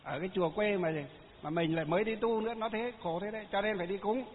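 High-voiced monk, tinny hall. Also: male voice, fast, slight background noise. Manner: folksy, chatty storytelling with frequent fillers. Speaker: Buddhist monk. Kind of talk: Dharma talk with anecdotes. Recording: tinny phone-like sound in a long-reverb hall.

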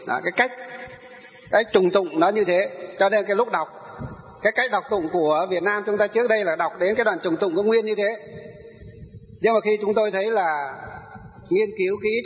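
A man with a high voice delivers a sutra lecture as a Buddhist teacher, asking rhetorical questions and then answering them. The recording sounds dull and muffled. His voice trails off into a long reverb, as in a large hall.

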